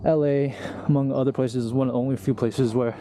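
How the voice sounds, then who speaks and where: A man's voice: medium pitch, steady tone, brisk, mellow. Winded young man vlogging on a hike. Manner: rambling, loose and candid. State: out of breath. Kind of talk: casual vlog talk while hiking. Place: outdoors on a hiking trail. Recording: outdoor recording with clear background noise.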